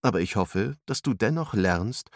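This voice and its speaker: A man voicing a calm female mentor who gives firm, encouraging instructions, read as part of a storybook narration. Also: fairly low pitch, normal speed, no room sound, studio quality. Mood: instructive. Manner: instructive, commanding.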